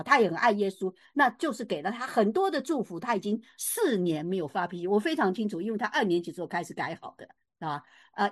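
An older woman giving a personal faith testimony at church, emphatic and expressive, with frequent fillers and restarts. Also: medium pitch, no room sound, clean studio sound.

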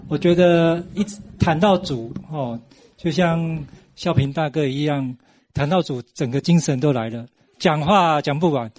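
A man hosting a church gathering, relaxed and chuckling as he introduces speakers. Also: fairly high pitch, unhurried. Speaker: meeting host. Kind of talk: casual moderating.

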